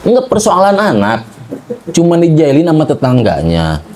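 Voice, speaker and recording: High-voiced animated preacher man. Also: normal speed, over a noisy crowd, poor audio. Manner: animated, asks rhetorical questions, acts out home scenes. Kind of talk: lively sermon.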